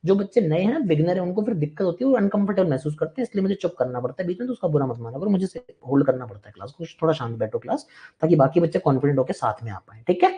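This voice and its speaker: A man's voice: on the high side, animated, racing, warm tone. Chatty male maths teacher. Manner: chatty and reassuring, firm with interrupting students. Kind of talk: live online class.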